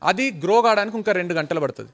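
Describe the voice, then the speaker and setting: A man's voice: sits high, racing. A man voicing kind, patient God. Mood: gentle. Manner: calm explaining. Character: kind patient God speaking gently to a boy.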